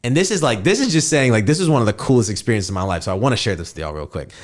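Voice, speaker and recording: Man in his thirties, low voice, lively storyteller, casual podcast chat. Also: racing. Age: 30s. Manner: animated storyteller, acts out quotes in raised voices. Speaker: podcast host.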